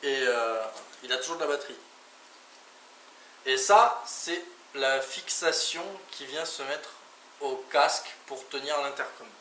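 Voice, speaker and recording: A motorcycle vlogger with a medium-pitched, sharp-toned voice moves at a measured pace through a casual product tutorial, handling the gear and chatting informally about each step with little interjections. The recording sounds echoey and far from the mic, with a clearly noisy background.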